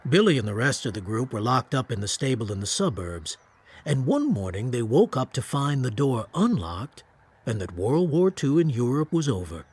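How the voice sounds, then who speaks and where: A male actor with a medium-pitched, slightly rough, darkish voice plays a reflective war veteran narrating a radio drama. He tells a grim tale in a measured, understated, matter-of-fact way, yet with a sing-song lilt.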